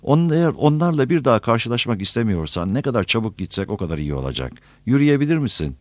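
A man's voice: mid-range voice, very animated, fast, a little mellow, no echo, close to an everyday voice. A man voicing a devoted, earnest male hobbit servant in an audiobook reading. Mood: urgent. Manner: earnest, emotional.

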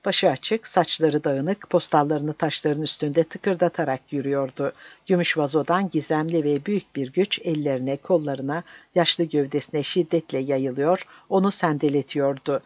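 A narrator giving a steady, measured audiobook reading. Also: medium pitch, no echo. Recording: dull dry recording.

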